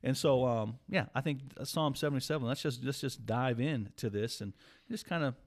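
A man's voice: mid-range voice, normal speed. A man talking casually and earnestly as a Bible teacher, walking through a psalm in conversation with many restarts. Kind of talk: casual Bible study chat.

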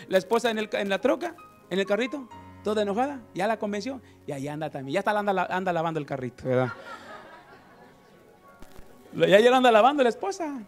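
A man preaching a lively sermon, acting out everyday scenes and calling his listeners brother. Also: high voice.

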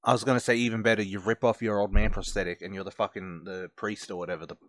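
A man's voice: fairly low pitch, fairly even intonation, quick pace, fairly bright tone, dry recording, studio quality. A young man co-hosting a podcast, joking crudely and laughing easily in casual chat. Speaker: podcast co-host.

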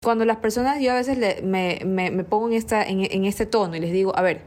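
A woman's voice: mid-range voice, a little fast, darkish tone. A woman in her thirties, a nutritionist, giving a motivational monologue full of rhetorical questions and mimicked excuses. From Latin America. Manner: emphatic, rhetorical questions, acts out patients' whiny excuses.

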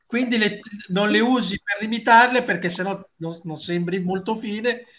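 A man's voice: sits high, fairly even intonation, normal speed, fairly bright tone. A man hosting a casual live talk show, teasing and prodding his guests.

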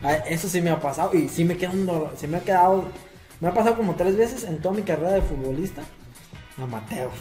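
A man with a Mexican accent, co-hosting a podcast, slangy and quick in casual chat. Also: high voice, mellow, reverberant, soft background music. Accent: Mexican Spanish. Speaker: podcast co-host.

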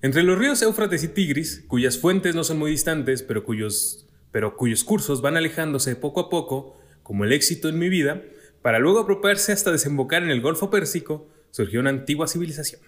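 Mexican male podcast host, joking, slightly high voice. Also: animated, a little fast. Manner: jokey, laughs often. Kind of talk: casual podcast banter and reading.

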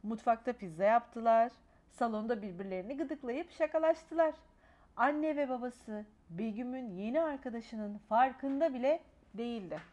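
A woman's voice: on the high side, normal speed, darkish tone, highs cut off. A woman expressively reading a children's storybook aloud.

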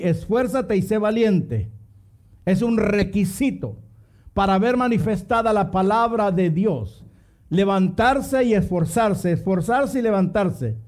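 Fervent high-voiced male preacher. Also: a little mellow. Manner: fervent, calls on listeners to repeat phrases; mixes in English exclamations. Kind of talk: sermon.

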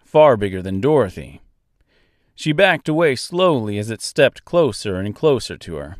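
A man narrating a crude fairy-tale parody in an unhurried, expressive storytelling manner with deadpan profanity. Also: medium pitch, no echo, studio quality.

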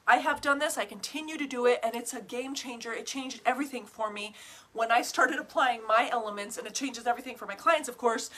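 A bright, high-voiced woman hosts a livestream, chatting with viewers as an online group host and business coach. She's effusive and theatrical, greeting them with bubbly whoops and pet names, swearing casually and checking in with "right?" and "okay?".

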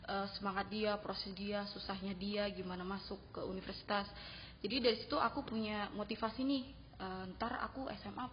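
A young woman, a university student, telling her story casually in an interview, with lively acted quotes. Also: mid-range voice. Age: young adult. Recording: dull sound with long reverb and faint noise.

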